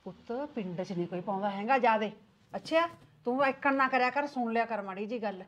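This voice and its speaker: ਇੱਕ ਔਰਤ ਪੰਜਾਬੀ ਲਘੂ ਫ਼ਿਲਮ ਵਿੱਚ ਪਿੰਡ ਦੀ ਸਬਰ ਵਾਲੀ, ਫ਼ਿਕਰਮੰਦ ਸੱਸ ਬਣੀ ਹੈ, ਜੋ ਨੂੰਹ ਨੂੰ ਪਿਆਰ ਨਾਲ ਮਨਾਉਂਦੀ ਹੈ।. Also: female voice, fairly high pitch, fairly quick, lo-fi sound, lightly acted. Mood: coaxing. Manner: soothing, pleading, worried. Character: village mother-in-law, patient and worried. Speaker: mother-in-law. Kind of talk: Punjabi short film acting.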